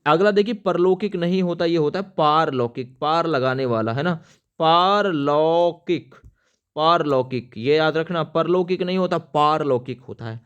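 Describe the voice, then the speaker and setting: A man with a smooth, clear voice pitched a little high gives a spelling lesson for exams. He spells each word out piece by piece as he writes it and keeps stressing which ones matter. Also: a little fast, few pauses, dull audio. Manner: spells words out letter by letter while writing; addresses viewers as friends, stresses importance. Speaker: teacher. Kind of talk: exam-prep spelling lesson.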